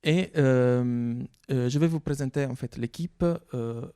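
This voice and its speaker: A man's voice: mid-range voice, slow pace, warm tone, clean tone, no room sound, clean studio sound. A man with an Italian accent giving a conference talk as a researcher, hesitant with many fillers. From Italy. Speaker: researcher presenting. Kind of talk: conference presentation.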